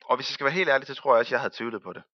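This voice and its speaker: A man preaching a sermon and telling the story in a lively way, acting out the people he quotes and laughing often. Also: medium pitch, no room sound, muffled recording.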